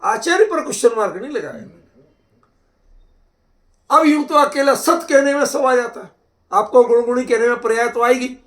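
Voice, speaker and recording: A man's voice: very high voice, expressive, normal speed, long pauses, fairly bright tone. A man leading an interactive scripture discussion, explaining emphatically with homely examples and constantly checking whether his listeners follow. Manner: keeps quizzing listeners with rhetorical checks. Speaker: scripture teacher. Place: online group session.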